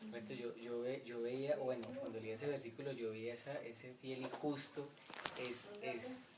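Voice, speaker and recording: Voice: mid-range voice, steady tone, moderate pace, noisy background. A member of a study group explaining how they read a verse, hesitating and restarting. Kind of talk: group discussion. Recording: roomy, distant, crowd behind.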